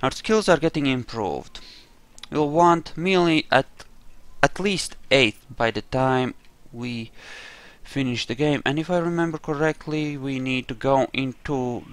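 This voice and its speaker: In a dry recording, a man with a mid-range voice and clean tone speaks unhurriedly while narrating a roleplaying game playthrough. He gives casual, rambling commentary as he thinks aloud, tinged with wry, dry sarcasm.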